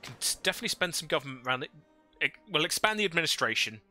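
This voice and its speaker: A man's voice: on the high side, very animated, rapid-fire, pushed and bright, soft background music. A man livestreaming a strategy game into a headset mic, thinking aloud and chatting with viewers. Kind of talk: casual live gameplay commentary.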